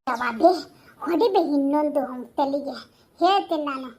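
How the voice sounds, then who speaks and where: A woman doing a scared old village granny, super high squeaky voice, begs and stammers, swoops all over. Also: expressive, moderate pace, a little mellow. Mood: desperate. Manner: pleading, stammering, tearful.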